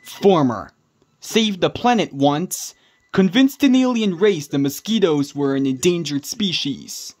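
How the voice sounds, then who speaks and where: A woman voicing a gruff, terse, deadpan male government agent in an amateur cartoon fan dub. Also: fairly low pitch, unhurried. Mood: dry, resigned.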